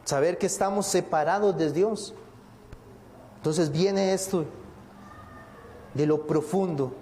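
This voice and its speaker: A male preacher delivers a sermon with a somewhat high yet warm, mellow voice. He speaks deliberately, poses rhetorical questions and slows down when reading scripture. His voice rings with the long reverb of a church hall. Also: a little hiss or hum.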